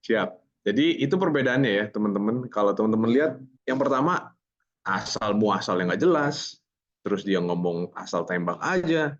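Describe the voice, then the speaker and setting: Energetic male voice trainer, lo-fi audio. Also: fairly low pitch, measured pace. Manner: energetic, joking, mixes English words into his talk. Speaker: public speaking trainer. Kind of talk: online voice workshop. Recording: slightly muffled lo-fi audio.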